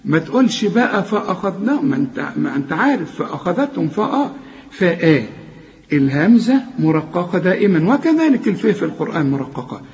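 High-voiced Egyptian man correcting recitation. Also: very animated, a little mellow, muffled recording. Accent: Egyptian Arabic. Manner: corrective, exasperated, demonstrates words slowly. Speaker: Quran recitation teacher. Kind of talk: tajweed lesson correcting a student.

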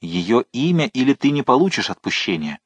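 A man voicing a vengeful man disguised as a monk, speaking slowly, hard and commanding. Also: medium pitch, sing-song, slightly rough, no room sound.

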